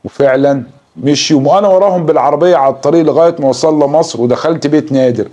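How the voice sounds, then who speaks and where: Man telling a dark horror tale. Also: a little high, muffled recording. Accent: Egyptian Arabic. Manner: slow, dramatic storytelling. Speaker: storyteller. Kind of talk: horror story narration.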